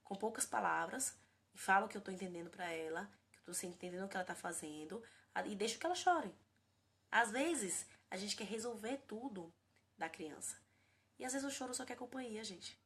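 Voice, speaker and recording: A woman from Brazil talks quickly and earnestly into her phone, hosting a live stream on gentle parenting. Her voice is bright and clear at a middle pitch, and she calls her viewers by name as she answers them. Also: animated. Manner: warm, earnest, addresses viewers by name and as "gente".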